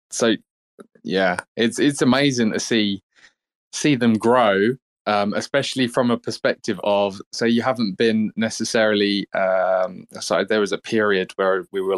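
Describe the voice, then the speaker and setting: A man speaking casually and haltingly in an online group chat, thinking aloud with enthusiasm. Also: on the low side, no echo. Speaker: NFT project team member speaking as guest. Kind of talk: casual talk in an online audio space.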